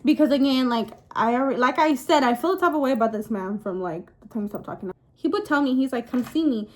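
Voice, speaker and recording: Higher-pitched young woman dishing casual gossip. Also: fast. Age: young adult. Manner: gossipy, confiding, animated storytelling with girl-talk asides. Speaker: vlogger. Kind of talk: casual storytime chat to camera.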